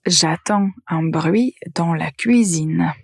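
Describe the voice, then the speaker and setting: Slow, careful woman teaching French. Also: on the low side, gravelly, slightly rough, no echo, clean studio sound. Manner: repeats example sentences slowly for learners. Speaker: language teacher and podcast host.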